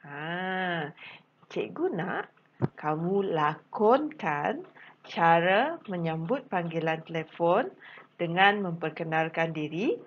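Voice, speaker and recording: A woman's voice: lowish voice, expressive, takes it slowly, muffled recording, slight background noise. A woman teacher speaking Malaysian Malay, giving a patient recorded lesson to special education students, repeating her points with frequent fillers.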